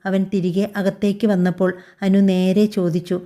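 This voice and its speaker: A woman narrating a scripted family drama story in a calm, even storytelling voice. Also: medium pitch, moderate pace. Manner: calm, even storytelling voice that also reads all the characters' lines.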